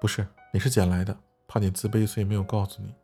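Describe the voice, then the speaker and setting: A man doing a deadpan cheeky brother. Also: deep voice, husky, soft background music, full character voice. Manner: unhurried, dry and matter-of-fact. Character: cheeky young adult brother, deadpan joker.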